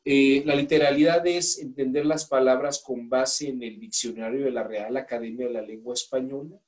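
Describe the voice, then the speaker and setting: A man's voice: mid-range voice, steady tone, normal speed, darkish tone. A man with a Mexican accent teaching a law class, asking the students questions and coaxing volunteers to read aloud. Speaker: law course instructor. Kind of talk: classroom lecture.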